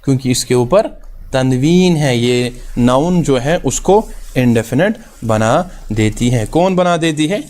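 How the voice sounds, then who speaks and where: A man's voice: mid-range voice, expressive, darkish tone. Patient man teaching Arabic grammar. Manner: asks questions and answers them himself, repeats key terms; reassuring, often says it is very easy. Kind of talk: recorded grammar lesson.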